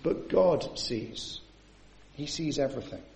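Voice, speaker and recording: A man's voice: medium pitch, expressive, slow pace, creaky, a little mellow, reverberant. A man preaching a sermon to his congregation, often adding rhetorical tag questions.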